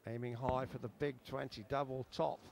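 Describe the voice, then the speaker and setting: A man's voice: medium pitch, flat delivery, brisk, vocal fry, darkish tone, a little hiss or hum. A man giving chatty, explanatory darts commentary as part of a broadcast.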